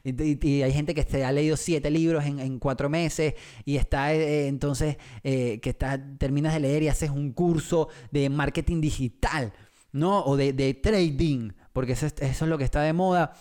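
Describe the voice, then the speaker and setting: A man's voice: fairly high pitch, steady tone, normal speed, darkish tone, clean tone. A man hosting a casual podcast monologue, rambling and joking with many restarts. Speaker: podcast host.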